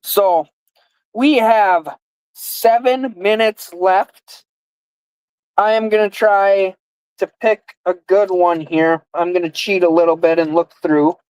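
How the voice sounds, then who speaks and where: A woman's voice: medium pitch, darkish tone, dry recording, low-quality recording. A woman in her twenties hosting a casual live guessing game, with slurred, lisping speech from a mouth guard. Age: 20s. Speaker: live stream host.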